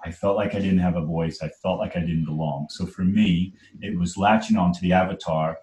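This interview guest, a man from Trinidad in his forties, recounts his life in an earnest, emphatic way, frequently adding "right?". His voice sits low and a bit mellow, with fairly even intonation and a brisk pace, captured in a roomy space.

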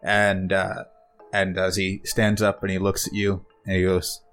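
A man narrating a tabletop game as game master, in a halting way full of fillers and restarts. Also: low voice, completely flat delivery, a bit bright, soft background music.

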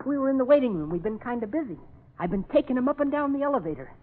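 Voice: high-pitched, very animated, rapid-fire. A performer playing an eager, chatty young office boy in a 1940s radio drama. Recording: muffled vintage radio recording.

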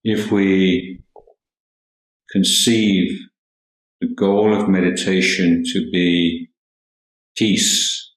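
In an echoing room of a monastery, a man with a deep voice leads a guided meditation as a Buddhist teacher. He speaks calmly and extremely unhurriedly, leaving long pauses between short, measured phrases, and the recording has a roomy hall sound.

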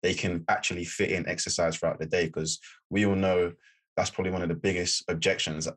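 A man hosting a podcast interview, relaxed and agreeable, asking questions and answering with plenty of quick yeahs. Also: sits low, husky. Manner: relaxed, agreeable, lots of back-channel "yeah". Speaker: podcast host. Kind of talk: casual interview chat.

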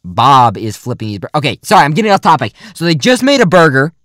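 A young man hosting a casual, goofy podcast chat, talking in a mock-serious, rambling way that often trails off quietly. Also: fairly high pitch, big pitch swings, fast talker, no echo, studio quality. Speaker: podcast host.

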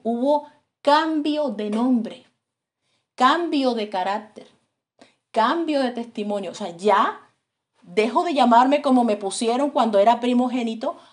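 A woman's voice: on the high side, lively intonation, unhurried. A woman preaching a sermon, retelling a story in a conversational, storytelling way to her congregation.

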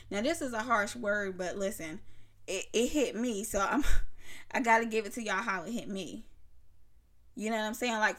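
Young adult woman, podcast host, casual slang, rhetorical questions, mid pitch, motivational faith talk. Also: fairly bright tone. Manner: conversational, preachy, asks rhetorical questions.

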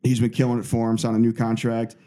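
A man's voice: mid-range voice, monotone, fast, warm tone. A man co-hosting a sports podcast, talking in a loose, rambling way with lots of fillers. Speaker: podcast co-host. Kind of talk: casual sports chat.

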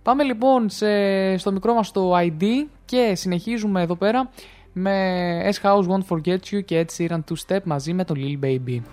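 A radio show host in casual chat, reading entertainment news, talking straight to listeners and correcting slips aloud. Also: mid-range voice. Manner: relaxed, talks directly to listeners.

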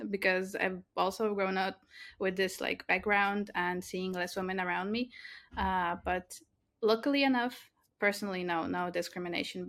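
Interviewed as a guest, this young mobile tech lead from Latvia has a mid-range, creaky, fairly bright voice. She talks earnestly and thoughtfully, often using fillers and restarting her sentences.

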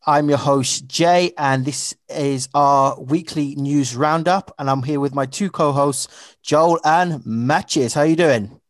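A man's voice: a little high, takes it slowly, dry recording, studio quality. A man hosting a casual podcast, chatty and upbeat with lots of fillers. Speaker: podcast host.

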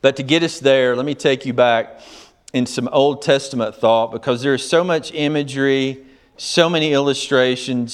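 Pastor, male, sermon delivery; smooth resonant tone, measured pace with drawn-out emphasis. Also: medium pitch. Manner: measured preaching with slowed emphatic phrases.

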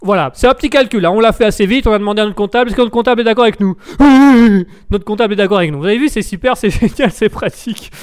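A man's voice: sits high, racing, hardly any pauses, smooth, no echo, studio quality. A tired male host of a live show, commenting jokingly on odd news stories, rambling and stumbling over his words before correcting himself.

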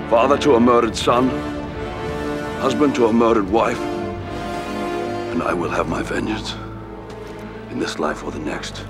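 A man playing a grim, defiant Roman general in a film scene, speaking slowly and solemnly. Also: on the low side, natural voice. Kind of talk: film drama. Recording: film audio with loud music.

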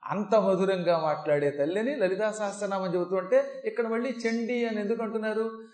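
A man with a fairly high voice delivers a devotional discourse on scripture. He tells it in an animated way, shifting his voice to dramatize the verses, and his voice carries with a roomy echo. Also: a little fast. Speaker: Puranic discourse speaker. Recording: echoey hall recording.

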